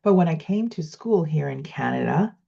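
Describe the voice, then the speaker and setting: Middle-aged woman from Trinidad, educator, husky low voice, earnest reflective storyteller, lo-fi sound. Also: animated, warm tone. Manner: earnest, measured, with slowed emphatic phrases. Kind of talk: reflective personal storytelling lesson. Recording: slightly dull lo-fi recording.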